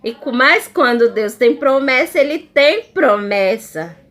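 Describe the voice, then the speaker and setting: High-voiced fervent woman. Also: expressive, slow pace, a bit bright. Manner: fervent, emotional storytelling with repetitions. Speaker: missionary. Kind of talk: religious testimony.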